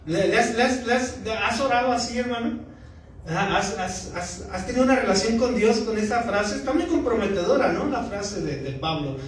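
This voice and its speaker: A pastor giving a conversational sermon, often checking in with the congregation. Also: male voice, very high voice, lively intonation, moderate pace. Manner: conversational preaching, often asking the congregation "¿verdad?". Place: church sanctuary. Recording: echoey church hall from far off.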